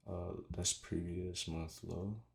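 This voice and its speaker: A man with a slight lisp from wearing retainers gives casual, halting commentary, thinking aloud informally as he analyzes. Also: low-pitched, level tone, creaky, a little hiss or hum. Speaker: trader doing market analysis. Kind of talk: casual screen-share commentary.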